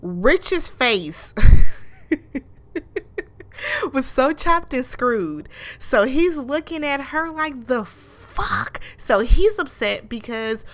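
A woman casually recapping a reality show in a blunt, animated way, with frequent swearing. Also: high-pitched, slow pace. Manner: mimics show cast members in raised voices.

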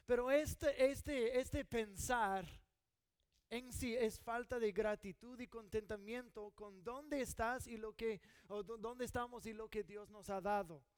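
A middle-aged Californian pastor preaches a sermon in an earnest, conversational way, often starting his sentences over. His voice is very high-pitched and unhurried. There's no room sound.

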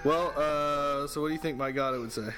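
A man hosting a comedy podcast, relaxed and joking as he prompts his co-host. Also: fairly high pitch, a little fast, soft background music. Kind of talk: casual comedy banter.

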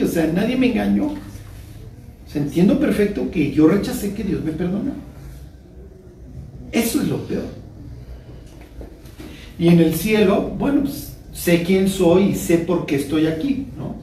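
A Mexican man leads an informal Bible study, talking in a chatty, joking way and pausing to ask whether his listeners follow. His voice sits high but has a mellow, soft edge. He is picked up from across an echoey room, with a faint hiss underneath. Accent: Mexican Spanish. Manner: conversational, checks understanding with rhetorical questions; colloquial and joking. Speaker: Bible teacher. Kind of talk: informal Bible class teaching. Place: room with a small group. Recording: roomy, distant mic with faint noise.

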